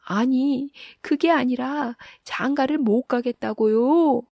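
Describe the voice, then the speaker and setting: A woman storyteller voicing a sly, scheming young bachelor in a folktale, in an eager, wheedling manner and a husky tone. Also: on the low side, moderate pace, a little mellow, dry recording, studio quality. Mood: shouting.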